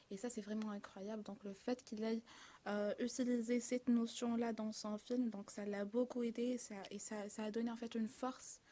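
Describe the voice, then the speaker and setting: A woman's voice: mid-range voice, warm tone. A young woman, a film columnist on a live talk show, chatting in a casual, hesitant way with many fillers and restarts. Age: young adult.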